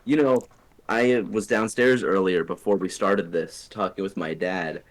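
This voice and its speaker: Young male co-host, relaxed and easygoing, slightly low-pitched, laughs easily. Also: unhurried. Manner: laid-back, laughs often. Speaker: podcast co-host. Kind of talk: casual chat.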